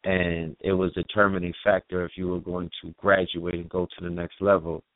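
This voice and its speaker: A man in his forties hosting a radio talk show, speaking in a relaxed, laid-back way with drawn-out phrasing. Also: deep voice, no room sound. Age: 40s. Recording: dry phone-line call audio.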